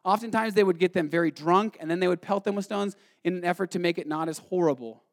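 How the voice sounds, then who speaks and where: A man preaches to his congregation in a high-pitched voice. He tells the story with animated energy, acts out the voices and swings between loud passages and hushed ones. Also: quick pace. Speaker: pastor. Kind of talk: sermon.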